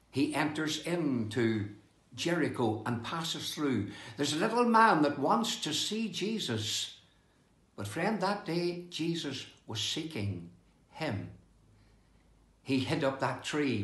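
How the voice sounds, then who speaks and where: An older man preaching a devotional sermon indoors, with slow, emphatic delivery that rises and falls. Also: a little high, a bit bright, echoey room. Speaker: pastor. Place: indoor room with bookshelves, seated with open Bible.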